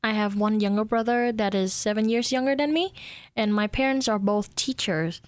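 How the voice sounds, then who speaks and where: A woman's voice: mid-range voice, moderate pace, dry recording. A young woman from Vietnam with a Vietnamese accent, whose first language is Vietnamese, chatting casually as an interview guest. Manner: chatty, relaxed storytelling with fillers.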